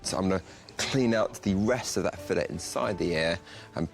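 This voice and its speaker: A man's voice: deep voice, moderate pace, gravelly, faint music behind. A man restorer chattily explaining a wood repair, laughing at himself as he works. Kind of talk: explaining his work.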